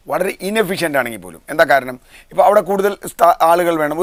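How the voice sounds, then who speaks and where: Fast-talking man, rebutting on a panel. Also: medium pitch, no echo. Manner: argumentative, rebutting. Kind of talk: panel discussion.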